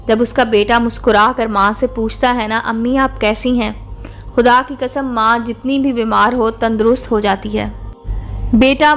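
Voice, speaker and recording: A kindly old holy man gives soft, fatherly counsel in a storybook tale, as a woman reads him. The voice sits fairly high, with faint music playing underneath. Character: wise old bearded male holy man, gentle.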